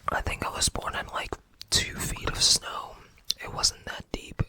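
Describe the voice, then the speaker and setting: Slow, hesitant unvoiced ASMR whisper. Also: sharp tone. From United States. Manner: hesitant, searching for words, self-effacing. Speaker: ASMR content creator. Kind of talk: whispered ASMR casual ramble.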